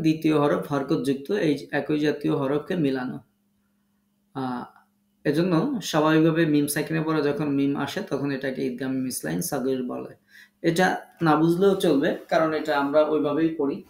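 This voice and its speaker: Gravelly-voiced man teaching Quran recitation rules. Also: on the high side, reverberant. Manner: slow, instructive, repeats rules for emphasis. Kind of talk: online tajweed lesson.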